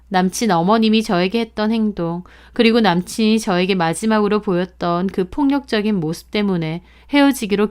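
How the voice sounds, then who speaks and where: A young woman narrating a first-person story in a steady, plain tone. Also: medium pitch, clear, resonant tone.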